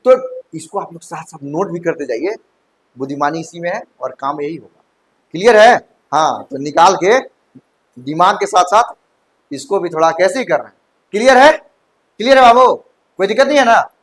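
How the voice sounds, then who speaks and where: High-voiced male coaching teacher. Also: expressive, normal speed, long pauses, a bit bright, low-quality recording. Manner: checks understanding often, mixes English terms into Hindi. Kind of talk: classroom lecture. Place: classroom.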